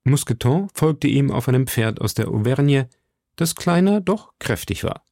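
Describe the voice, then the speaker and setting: A man narrating a novel as an audiobook in an expressive storytelling style. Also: mid-range voice, unhurried, dry recording, clean studio sound. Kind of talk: scripted narration.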